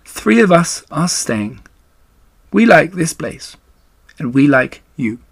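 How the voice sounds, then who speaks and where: A tiny young female spider from a children's storybook, played by a man, pitched up high. She is friendly and eager, speaking politely with a slightly husky, creaky edge. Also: sing-song, slow, dry recording, clean studio sound, exaggerated voice. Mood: friendly, welcoming. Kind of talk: children's storybook read-aloud.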